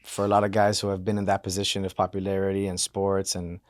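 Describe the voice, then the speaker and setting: Low-voiced man telling his story. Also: fast, dry recording, clean studio sound. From Miami, Florida. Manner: relaxed, rambling storytelling with many fillers. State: banged up from hockey. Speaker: guest. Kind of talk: casual interview talk.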